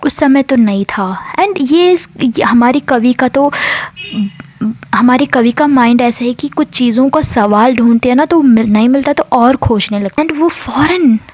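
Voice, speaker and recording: A woman's voice: high voice, unhurried, a little mellow. A woman casually telling a serialized romance story, rambling and conversational. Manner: rambling, conversational, mixing in English words.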